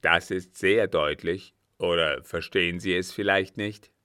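A man voicing a gruff, scheming male captain who is quick to rage, reading him loudly and forcefully in an audiobook. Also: low voice, dry recording, clean studio sound. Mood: grim. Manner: loud, forceful, grim. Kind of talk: audiobook character voice.

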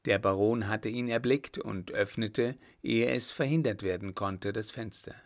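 A man narrating an old adventure novel in a measured, even storytelling manner. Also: lowish voice. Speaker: audiobook narrator.

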